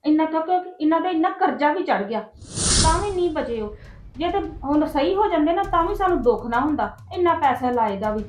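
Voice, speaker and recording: A woman's voice: sits high, lively intonation, fairly quick. A woman playing a weary, debt-burdened sister-in-law. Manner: weary and lecturing. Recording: echoey room with soft music.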